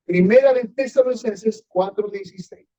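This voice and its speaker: A man's voice: high-pitched, normal speed, warm tone. A man teaching a Bible class as a pastor, emphatic and often questioning his listeners. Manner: emphatic, asks the audience often, rising and falling sharply. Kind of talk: sermon-style Bible teaching with congregation questions. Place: church meeting room. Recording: dull lo-fi church recording.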